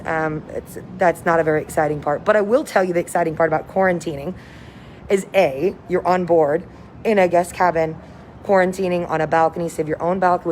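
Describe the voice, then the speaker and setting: Upbeat woman cruise director, slightly low voice. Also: darkish tone. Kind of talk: casual livestream update to viewers. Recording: noticeable background noise, windy ambience.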